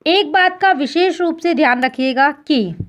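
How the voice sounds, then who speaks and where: A woman teaching a school Sanskrit lesson in speech, slowly reciting word forms and patiently addressing her pupils as children. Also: high voice. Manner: slow, deliberate recitation of declensions.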